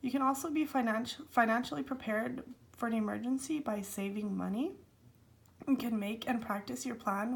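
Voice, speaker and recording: Young woman presenting, slightly high voice. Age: young adult. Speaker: student presenter. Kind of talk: scripted class presentation with informal asides.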